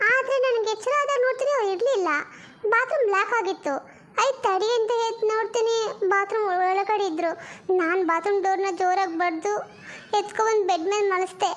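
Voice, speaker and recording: A woman's voice: extremely high pitch, a bit bright. A woman voicing a naive young wife who rambles and repeats herself.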